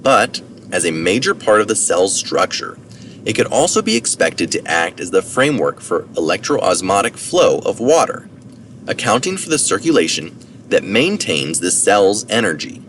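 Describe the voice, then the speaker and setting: Reading articles aloud, this man narrates a science piece in a lowish, fairly bright, very animated voice at a moderate pace. Citations get casual asides, and he sometimes corrects himself. Noticeable background noise and a distant mic mark the recording.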